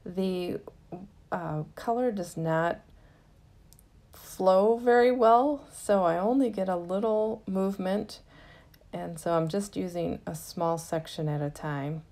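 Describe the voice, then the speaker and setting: With a mid-range voice, a woman hosting a craft lesson narrates the tutorial in a casual, unhurried way, gently explaining as she goes.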